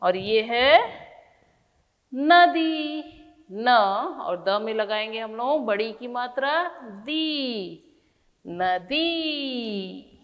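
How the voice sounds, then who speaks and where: Slow, patient woman teaching phonics. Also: a little high, expressive. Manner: slow, syllable-by-syllable sounding out of words; patient, asks questions and answers them herself. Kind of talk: children's Hindi phonics lesson. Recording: long hall reverb.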